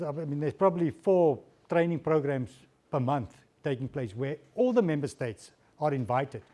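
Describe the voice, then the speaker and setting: A man's voice: on the high side, warm tone. A man, a diplomat answering audience questions at a guest lecture, often repeating words as he searches for phrasing. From South Africa.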